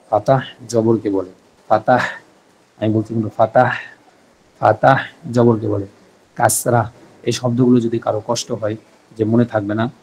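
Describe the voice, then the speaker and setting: A man's voice: medium pitch, a little mellow, breathy edge, poor audio. A man teaching Arabic grammar in an online class over a video call. He repeats key terms so students can memorize them and often checks whether they follow. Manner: checks in with frequent rhetorical questions.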